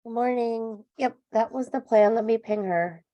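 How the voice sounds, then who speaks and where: A woman's voice: on the high side, normal speed, dry recording, lo-fi sound. A woman on a video call, answering briefly and matter-of-factly. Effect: heard over a video call. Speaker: meeting participant.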